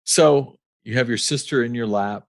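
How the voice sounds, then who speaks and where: A man's voice: mid-range voice, normal speed, no echo, clean studio sound. A man hosting a podcast interview, enthusiastically recapping his guest's story. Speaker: podcast host.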